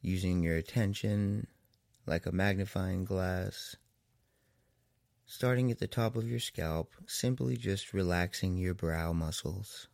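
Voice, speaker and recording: Speaking very slowly and soothingly, a man with a deep, gravelly voice guides a meditation, leaving long silences between short phrases. His tone is darkish, and the close, dry recording has no room sound.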